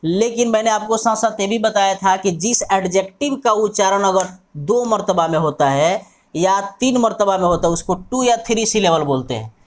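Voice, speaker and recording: A man's voice: sits high, moderate pace. A man with an Indian English accent, teaching an online English lesson in Hindi mixed with English. He spells words out letter by letter and repeats his questions to the class.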